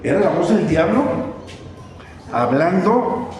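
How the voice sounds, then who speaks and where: A man's voice: high voice, very animated, takes it slowly. Man preaching in an echoey hall. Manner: emphatic preaching with rhetorical questions and repeated words. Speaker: pastor. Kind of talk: sermon. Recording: echoey hall with background noise.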